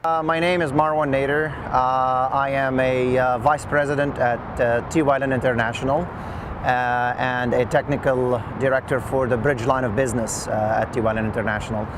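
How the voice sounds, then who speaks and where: Loud traffic roars outside as a middle-aged man from Lebanon, an engineer, talks about his work in an unscripted oral history interview. His mid-range voice stays level, and his account is halting, broken by many long pauses.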